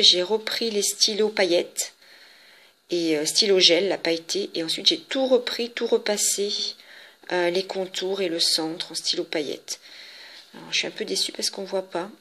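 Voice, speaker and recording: A woman with a French accent casually shows her handmade cards, talking in a chatty, halting way with many fillers and restarts. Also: medium pitch, bright, forceful tone. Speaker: papercraft vlogger.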